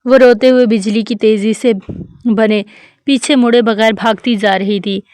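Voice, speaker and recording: Woman narrator, smooth clear voice, dry close sound, steady novel reading. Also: on the high side, dry recording. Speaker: novel reader. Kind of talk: scripted narration of a romance novel.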